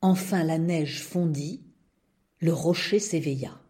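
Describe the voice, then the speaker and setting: A woman narrating a fairy tale in a gentle, measured storytelling manner. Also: sits low.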